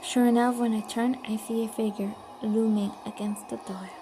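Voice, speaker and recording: A woman's voice: a little high, flat delivery, moderate pace, warm tone, slight background noise. A woman streaming a story game live, reading the narration aloud and making casual asides.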